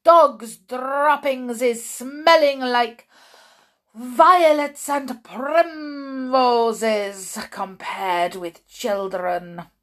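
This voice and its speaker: A woman voicing a screaming, tyrannical old female witch leader who rants slowly and loudly. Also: sits high, voice pushed up, heavily acted. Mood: ranting. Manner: shrieking, ranting, slow and loud.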